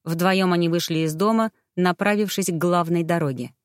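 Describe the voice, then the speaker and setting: A woman's voice: fairly low pitch, normal speed, no echo. Woman narrating an audiobook, dry close sound. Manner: expressive, dramatic storytelling.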